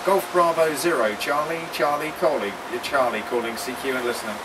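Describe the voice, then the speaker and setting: A man working as an amateur radio operator, calling out call signs in a measured way with hesitant pauses, heard over a fading shortwave radio link. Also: medium pitch. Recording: distant, heavily noisy radio signal.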